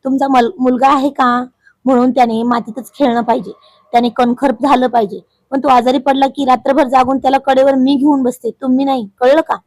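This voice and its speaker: A sharp, accusing young wife from the city, hurt and close to tears, as a woman storyteller voices her. The voice sits fairly high, and it is recorded dry and close with no room around it. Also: little pitch movement, brisk, dry recording.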